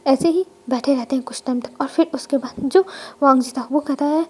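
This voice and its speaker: A woman's voice: high voice, fairly quick, dark tone. Chatty woman retelling a story. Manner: chatty, addresses listeners as friends. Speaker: fanfiction narrator.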